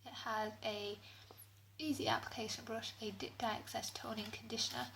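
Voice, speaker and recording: Speaking at a normal speed with a fairly high, steady pitch, this British woman gives a relaxed product review as a beauty vlogger. She's in an echoey bathroom, and background noise comes through clearly.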